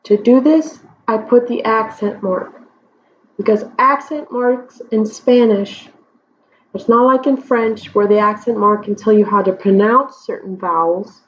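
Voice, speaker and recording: On a dull lo-fi recording with a bit of background noise, a woman with a fairly high voice teaches Spanish grammar. She takes it step by step, explaining slowly and deliberately and checking in with her students often.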